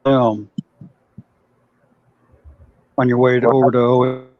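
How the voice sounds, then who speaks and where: A man's voice: mid-range voice, flat delivery, slow. A man joining a live stream over an online call. His audio cuts in and out with uneven volume, and he speaks hesitantly with fillers. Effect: choppy audio with uneven volume, cutting in and out. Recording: dull lo-fi online call with faint noise and clicks.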